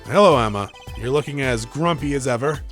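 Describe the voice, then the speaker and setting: A man's voice: mid-range voice, fairly quick, fairly bright tone, faint music behind, lightly acted. A man reading an earnest young lawyer, teasing.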